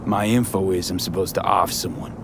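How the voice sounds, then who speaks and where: Deep-voiced, terse hired gun. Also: male voice, fairly even intonation, fairly quick, vocal fry, background noise. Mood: cool, skeptical. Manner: terse, clipped sentences, unimpressed. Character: gruff, skeptical hired gun, cool-headed and blunt. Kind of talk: video game voice acting.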